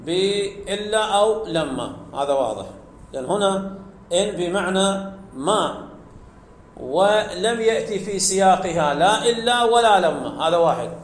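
A man's voice: high-pitched, expressive, measured pace, a little hiss or hum. A man teaching grammar in a classroom lecture, explaining step by step, quizzing his students and drawing out key words. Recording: echoey room.

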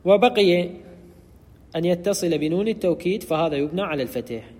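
A man's voice: high voice, a little fast, a little mellow. Methodical male grammar teacher, reverberant. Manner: methodical, repeats key terms and corrects himself. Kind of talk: explanatory lecture.

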